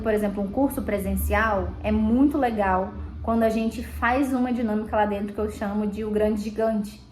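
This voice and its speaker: A woman with a Brazilian Portuguese accent giving parenting advice in a conversational, animated way, acting out parent and child lines. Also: a little high, reverberant, low-quality recording. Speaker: parenting educator. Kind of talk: direct-to-camera parenting advice.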